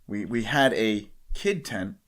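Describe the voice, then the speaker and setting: A man's voice: lowish voice, lively intonation, slow pace, fairly bright tone. A young man hosting a podcast in casual banter. He teases, swears freely and cuts into other people's stories. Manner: teasing, profane, jumps into others' stories.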